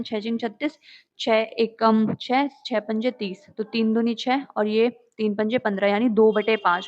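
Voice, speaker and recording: A woman teaching maths, solving exam questions step by step, asking and answering her own questions and reading each question out in English before explaining in Hindi. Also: a little high. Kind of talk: exam solution walkthrough. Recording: dull lo-fi audio.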